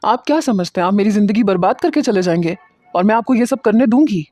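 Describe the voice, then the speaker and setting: A man voicing a defiant, sharp-tongued young bride who scolds and threatens her new husband. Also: sits high, animated, no echo, muffled recording. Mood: furious.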